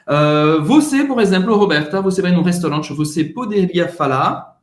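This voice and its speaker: A man's voice: sits high, expressive. Male teacher, echoey room. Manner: repeats French phrases slowly and clearly for learners. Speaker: French teacher. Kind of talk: casual bilingual language lesson.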